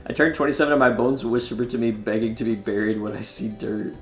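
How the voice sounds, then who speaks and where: A young man in his twenties runs a live stream of a card game, talking in a loose, joking, chatty way to his viewers. His voice sits at an ordinary middle pitch and rings a bit in a roomy space. Faint music plays underneath. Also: normal speed, a bit bright. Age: 20s. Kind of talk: casual live-stream commentary.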